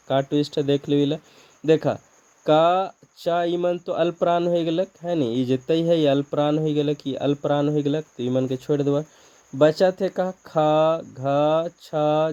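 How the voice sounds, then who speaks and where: A man's voice: on the high side, warm tone, lo-fi sound. A man with a Nagpuri accent teaching an exam-prep grammar lesson, explaining step by step and asking and answering his own questions.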